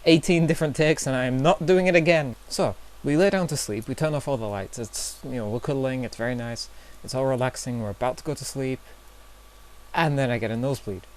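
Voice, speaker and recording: A young man vlogging in a casual, self-deprecating way, telling awkward stories with nervous fillers. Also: mid-range voice. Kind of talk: casual storytelling vlog.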